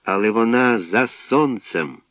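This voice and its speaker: A man voicing a calm male ship's robot that speaks slowly and evenly, on a dull, dry recording. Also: mid-range voice, no echo, close to an everyday voice.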